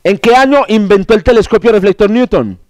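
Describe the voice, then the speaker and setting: A man with a high voice runs a classroom quiz review. He jokes, wanders off topic and stumbles into restarts. His voice comes through dry and close, with no room sound. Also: fairly quick, darkish tone, no echo. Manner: joking, digressive, with stammered restarts. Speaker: astronomy course instructor.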